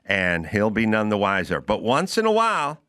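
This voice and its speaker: A man's voice: on the low side, huge pitch swings, normal speed, a bit bright, clean tone. A middle-aged man hosting a podcast, delivering an opinionated comedic rant and acting out both sides of imagined exchanges. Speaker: podcast host.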